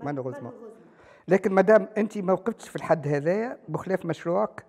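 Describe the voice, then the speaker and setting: A woman interviewing a guest on TV, asking short, quiet questions. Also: fairly low pitch, expressive, fast.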